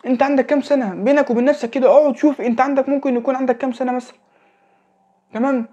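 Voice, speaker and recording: The voice is very high, steady, and mellow with a breathy edge, racing along, and the highs in the audio are cut off. It belongs to a young man in his late teens with an Egyptian Arabic accent who gives casual religious advice, repeating phrases and checking in with the listener.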